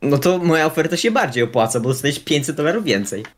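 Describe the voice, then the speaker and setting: A man's voice: on the high side, very animated, quick pace. Guy teasing his buddy on a podcast, acting all smug about it. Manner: teasing, mock-boastful ribbing. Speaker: podcast co-host. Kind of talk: casual podcast banter.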